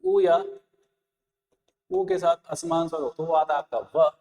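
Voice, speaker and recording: A man's voice: a little high, wildly swooping pitch, unhurried, vocal fry, darkish tone, long reverb tail, lo-fi sound. A man teaching an exam-prep lesson, repeating key points and quizzing listeners with rhetorical questions. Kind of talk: Hindi exam-prep lesson, explaining answers.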